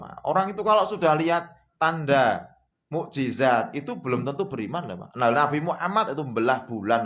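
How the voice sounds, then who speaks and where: Javanese-accented man preaching, folksy and lively. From Indonesia. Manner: folksy, addresses the audience as "Pak" constantly, mixes Javanese and Indonesian; lively swings in pitch and loudness, mocking asides. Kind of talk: sermon. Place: mosque.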